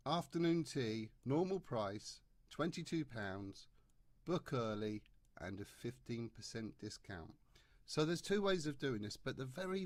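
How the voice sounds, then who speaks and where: A man's voice: mid-range voice, no echo. Chatty man tutoring maths. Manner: chatty, jokey, explains step by step. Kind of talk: exam paper walkthrough lesson.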